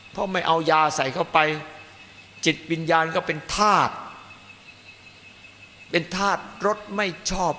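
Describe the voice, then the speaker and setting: Male monk giving a dharma talk, raised bright voice, echoey hall with faint hiss. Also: on the high side. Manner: emphatic, piling up repeated phrases. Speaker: Buddhist monk teacher.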